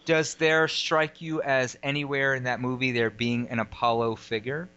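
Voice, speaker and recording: Bright, clear-voiced man in casual chat. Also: medium pitch, level tone, moderate pace. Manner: rambling, digressive, lots of fillers. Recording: lo-fi audio.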